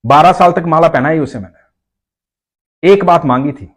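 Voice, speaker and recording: A man voicing a hurt, angry old ascetic who complains loudly and bitterly. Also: mid-range voice, lively intonation, fast talker, close to an everyday voice. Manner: agitated, complaining.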